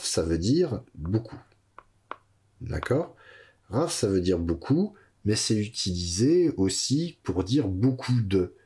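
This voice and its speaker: A man teaching a recorded lesson, explaining slowly and methodically, checking in with his listeners as he goes. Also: low-pitched, a little mellow, husky. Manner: slow, methodical explaining with frequent "d'accord?".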